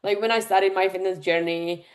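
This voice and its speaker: A woman's voice: mid-range voice, fairly even intonation, normal speed. Chatty woman coaching online. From Czech Republic. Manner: chatty, addresses the audience directly with many fillers. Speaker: fitness and nutrition coach. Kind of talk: live online masterclass talk.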